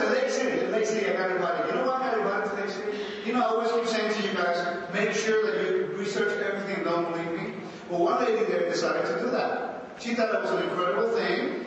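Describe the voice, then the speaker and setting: A man's voice: sits high, fairly bright tone, highs cut off, a little hiss or hum. A man teaching Torah in a loose, conversational way, repeating himself and often asking if his listeners are with him. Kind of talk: informal teaching talk. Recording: echoey hall, mic from far off.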